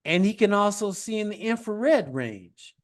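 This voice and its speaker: Slow, patient man teaching science. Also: high voice, very animated. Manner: patient, asks guiding questions and praises the student. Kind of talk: one-on-one science lesson.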